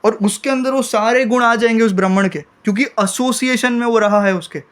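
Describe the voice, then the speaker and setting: A man's voice: very high voice, a little fast. A man hosting a heated religious debate, insistent and pressing, repeatedly demanding to be heard. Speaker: debate host.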